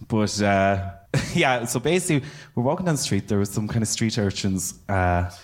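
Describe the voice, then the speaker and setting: A man, a guest on a live podcast, tells a story in an animated way, acting out what people said. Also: on the low side, normal speed, soft background music. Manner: animated, acts out quoted lines, laughs often. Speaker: podcast guest, drag performer.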